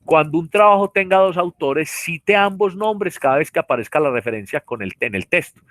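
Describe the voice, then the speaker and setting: A man's voice: on the high side, lively intonation, a little fast, fairly bright tone, no echo. A man teaching a virtual class, explaining step by step with many fillers and tag questions. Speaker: university lecturer. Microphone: computer mic on a video call.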